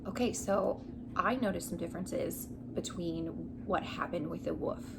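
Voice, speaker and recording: Filmed by a camera set a little way off in a small living room, this young woman gives children a story lesson as their teacher, prompting them with questions. Her voice is fairly low and creaky, at normal speed, over a noisy background.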